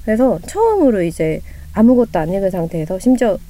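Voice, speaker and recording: A woman's voice: medium pitch, sing-song, fast talker, mellow. A woman in her thirties, an author being interviewed, talking candidly and laughing often as she acts out what friends said. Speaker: author guest. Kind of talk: casual interview chat.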